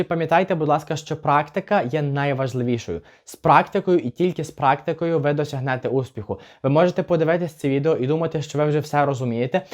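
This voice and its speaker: A young man teaching a beginners' English lesson, explaining grammar and slowly modelling example sentences for learners to repeat. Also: fairly high pitch, darkish tone. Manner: slow, careful model pronunciation of example phrases.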